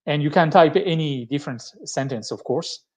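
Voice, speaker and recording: A man with a French accent giving a live-streamed tech presentation, explaining step by step and pausing often to think. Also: a little high, slightly rough. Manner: explanatory, thinking aloud with many pauses.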